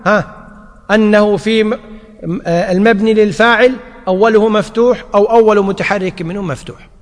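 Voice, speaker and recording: A man gives a grammar lesson in a high, light voice. He repeats key points and often checks that his class is following. His voice rings with the long reverb of a large hall. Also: steady tone, brisk. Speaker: teacher of Arabic grammar. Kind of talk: classroom lecture.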